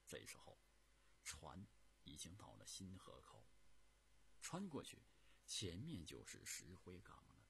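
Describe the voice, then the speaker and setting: A man narrating a historical story dramatically, jumping from loud bursts to hushed whispers. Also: low voice, huge pitch swings, unhurried, gravelly, pauses often, slight background noise.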